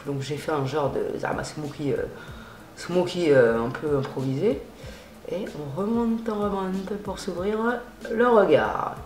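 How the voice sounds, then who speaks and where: A woman's voice: deep voice, animated, unhurried, a little mellow, a little hiss or hum. A woman beauty vlogger chatting casually and gushingly through a makeup tutorial, full of slang. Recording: roomy echo.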